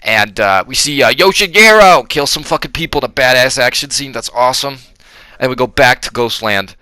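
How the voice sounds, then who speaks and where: A man's voice: mid-range voice, expressive, a little fast, sharp tone, dry recording. A man giving a casual, rambling, profane spoken review of a film, full of fillers and restarts.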